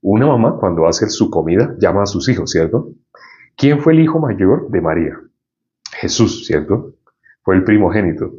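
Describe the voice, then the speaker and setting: A man's voice: lowish voice, very animated, normal speed, mellow, dull audio. A male preacher giving an informal Bible teaching in a conversational way, often asking his listeners questions.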